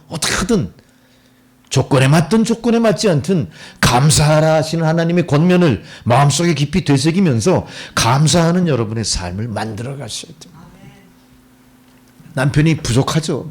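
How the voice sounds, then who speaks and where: A middle-aged male pastor preaching a sermon, often putting questions to the congregation. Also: a little high.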